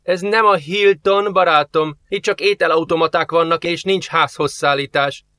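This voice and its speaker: A man's voice: on the high side, steady tone, pushed and bright, no echo, clean studio sound, voice pushed up. A man voicing a cheeky chatty young woman. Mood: teasing. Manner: chatty, teasing, quick retorts. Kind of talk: audiobook character voice.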